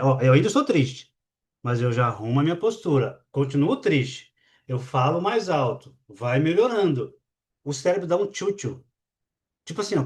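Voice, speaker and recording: A man with a Brazilian accent leading a live online class, talking to his audience in a lively, demonstrative way and shifting his energy on purpose. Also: a little high. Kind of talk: live webinar talk to an audience.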